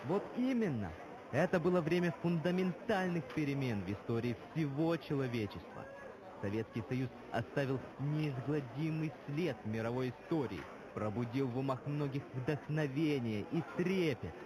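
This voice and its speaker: Man playing a fervent Soviet-nostalgic orator, game character, grandiose, menacing, declamatory, medium pitch, noisy ambient recording. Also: normal speed, natural voice. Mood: proud. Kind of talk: scripted dramatic speech. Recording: clearly noisy background ambience.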